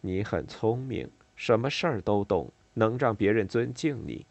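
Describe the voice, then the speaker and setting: A man voicing an anxious, brusque young mother, his voice pitched up high and strained. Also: very animated, normal speed, vocal fry, a little mellow, dry recording, full character voice. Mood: cool.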